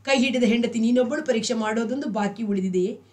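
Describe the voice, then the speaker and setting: Woman doing a flat, emotionless aloof husband. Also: on the high side, fast talker, distant mic, lightly acted. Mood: matter-of-fact. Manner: flat, matter-of-fact.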